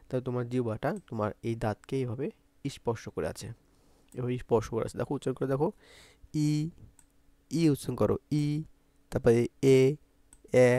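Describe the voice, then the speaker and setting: A man's voice: medium pitch, dark tone, dry recording. A man with a Bangladeshi Bengali accent teaching an exam-prep grammar lesson, repeating points and asking pupils to say sounds aloud.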